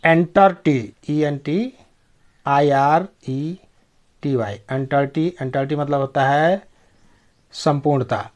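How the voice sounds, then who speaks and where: A man with a somewhat high, slightly mellow voice gives an English pronunciation lesson, speaking slowly with frequent pauses. He spells words out letter by letter, repeats each one, and checks that his listeners are following.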